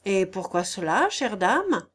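A woman's voice: mid-range voice, very animated, slow pace, slightly rough, exaggerated voice. A woman voicing a bold, mocking male nobleman who speaks in a teasing, self-assured way.

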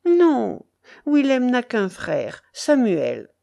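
A frightened young woman, as a female reader puts her on, pleading in a trembling, urgent voice. She pitches it higher than her narration and lets it swing widely, slow and mellow. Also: huge pitch swings, creaky, exaggerated voice. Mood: anguished.

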